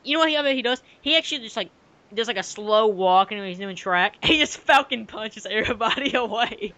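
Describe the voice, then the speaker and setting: An excitable young man doing a comic read-aloud. His pitch jumps around in a lively way and his voice is bright and forceful. He is giggly and keeps stepping out of the text to riff. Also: a little fast. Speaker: co-reader of a dramatic fan fiction reading. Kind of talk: casual comic read-aloud with ad-libbed commentary.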